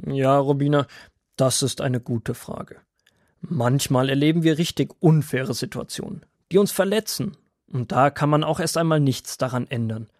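A man voicing a kindly old grandfather woodworm in a children's audio drama, gentle, patient and fatherly. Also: mid-range voice, normal speed, dry recording, clean studio sound, lightly acted.

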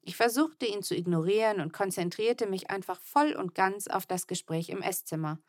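A woman's voice: mid-range voice, moderate pace, no room sound. Woman reading a children's story, dry close sound. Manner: lively, expressive storytelling. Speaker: audiobook narrator. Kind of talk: first-person children's audiobook reading.

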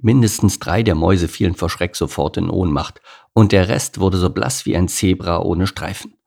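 Deep gravelly male storyteller. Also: moderate pace, a little mellow. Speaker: narrator. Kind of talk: audiobook storytelling.

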